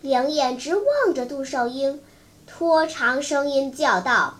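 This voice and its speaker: A storyteller reading a long storybook aloud in a slow, careful way. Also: high voice, sing-song, fairly bright tone.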